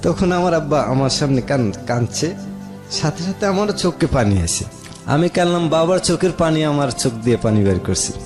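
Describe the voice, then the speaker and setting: This radio guest, a late-thirties man from rural Moulvibazar, Bangladesh, with a Sylheti-region accent, tells his personal story conversationally, plainly and respectfully. His voice is a little high and expressive, at a moderate pace, and music plays behind it.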